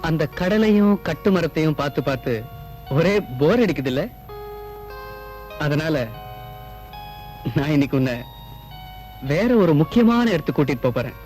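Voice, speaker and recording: Actor doing a young lover, tender, coaxing, a bit high-voiced, guitar music behind. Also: male voice, lively intonation, normal speed, pauses often, darkish tone, lightly acted. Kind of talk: 1980s Tamil film acting.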